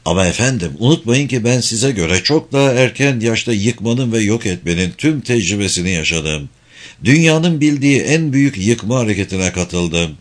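A man voicing an earnest young man who speaks quietly and respectfully. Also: on the low side, lively intonation, normal speed.

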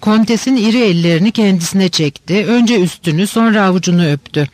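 High-voiced man narrating a classic novel. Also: no room sound. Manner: measured, even storytelling. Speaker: audiobook narrator. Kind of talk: scripted literary narration.

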